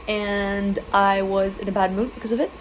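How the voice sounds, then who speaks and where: A woman's voice: mid-range voice, steady tone, unhurried, a little hiss or hum, rough recording. A woman vlogger chatting casually and informally outdoors during a trip. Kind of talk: casual outdoor vlog chat.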